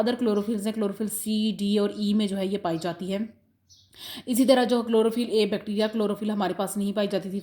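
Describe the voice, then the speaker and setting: A woman's voice: medium pitch, dark tone. Woman, Pakistani Urdu accent, biology teacher, exam-prep lecture, explanatory, switches into English terms. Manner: explanatory, mixing English terms and read-out English sentences.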